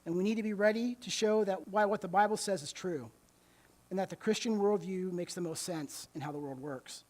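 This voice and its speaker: A man from the United States gives a church talk in sermon style, speaking fairly quickly in a high, slightly mellow voice. His manner is conversational, with repeated words on restarts and frequent "okay?" and "right?" check-ins.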